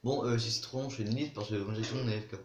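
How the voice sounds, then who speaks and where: A relaxed man of middle pitch chatting his way through a video game, pausing to explain how things work. He sounds a bit roomy, with faint mouse clicks behind him. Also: noisy background. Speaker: gaming YouTuber. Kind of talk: casual gameplay commentary.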